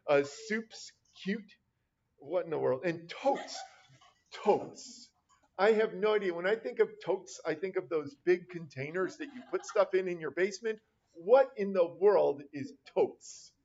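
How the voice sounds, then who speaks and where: A man's voice: fairly high pitch, a little fast. A middle-aged man teaching a math class, chatting casually with wry, rambling asides. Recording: dull lo-fi classroom recording.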